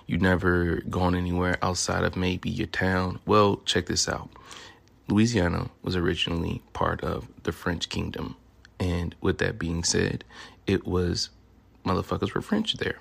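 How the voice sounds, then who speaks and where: Deep, gravelly Southern US man. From Memphis, Tennessee, United States. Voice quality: deep, smooth voice. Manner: playful, boastful, profanity-laden delivery. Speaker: podcast host. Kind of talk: casual solo podcast monologue.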